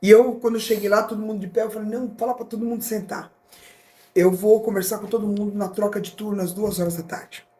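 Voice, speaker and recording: A middle-aged woman with a Brazilian accent, a podcast guest and motivational speaker, telling a personal story with lively acted-out dialogue. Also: medium pitch, quick pace, roomy sound. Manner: animated, acts out dialogue in different voices.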